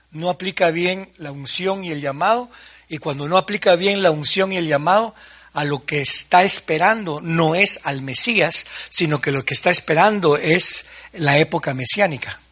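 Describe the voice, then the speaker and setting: Bright, husky preaching pastor. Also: male voice, a little high. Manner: preaching to pastors, with questions and acted-out quotes. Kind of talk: sermon.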